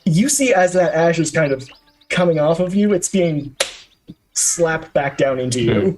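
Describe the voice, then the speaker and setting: A man's voice: on the high side, lively intonation, measured pace, darkish tone, soft background music, low-quality recording. A man narrating scenes as a tabletop game master, descriptive and full of hesitant uhs. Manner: descriptive, with frequent uhs and restarts.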